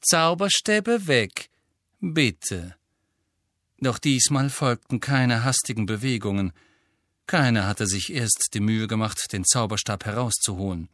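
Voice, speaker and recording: A man narrating an audiobook in an even, measured reading. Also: lowish voice, dry recording, studio quality. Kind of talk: scripted narration.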